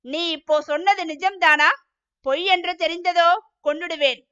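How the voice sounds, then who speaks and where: A woman's voice: extremely high pitch, fairly even intonation, moderate pace, a bit bright, highs cut off. A woman voicing a fierce young male outlaw who threatens his captive harshly, in a storybook reading. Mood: menacing.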